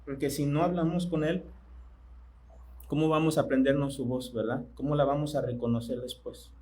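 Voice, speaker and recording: A man preaches a sermon in church in a conversational way, asking his congregation questions and pausing so they can answer. His voice is fairly high-pitched and darkish in tone, with fairly even intonation, and the recording quality is low.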